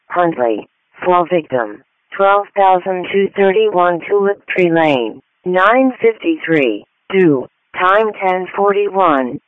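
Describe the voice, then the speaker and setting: A man making measured, formulaic emergency dispatcher announcements over a radio. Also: high-pitched, no echo, phone-quality sound. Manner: measured, formulaic call-outs. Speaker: police and fire dispatcher. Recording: dry emergency radio channel audio.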